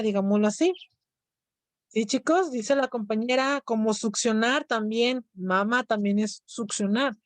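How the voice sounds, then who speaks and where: A woman with a Mexican accent teaches a class, explaining patiently and asking her students whether they follow. Her voice sits fairly high, and the recording is dry and close. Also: no room sound. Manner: explanatory, asks students questions. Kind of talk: classroom lecture.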